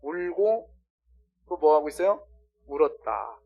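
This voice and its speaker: Middle-aged man, high-pitched pastor; preaching with sudden loud cries and quiet asides, quizzes the congregation. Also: sing-song, slow pace, slightly rough, narrow, tinny audio. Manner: impassioned, swings from loud cries to hushed low talk; asks the congregation questions and has them repeat. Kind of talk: sermon.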